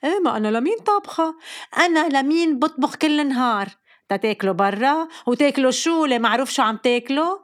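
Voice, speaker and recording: A woman's voice: high-pitched, animated, pitched above the performer's own voice. A woman with a Lebanese accent playing a fussy, bossy middle-aged mother who scolds and fires off questions. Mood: indignant. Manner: scolding rapid-fire questions.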